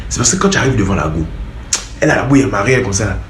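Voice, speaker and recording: A man's voice: lowish voice, rapid-fire, a little hiss or hum. A man, casually reading out a viewer's dating story and joking about it as the host. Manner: animated, joking, laughs at his own remarks. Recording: echoey room.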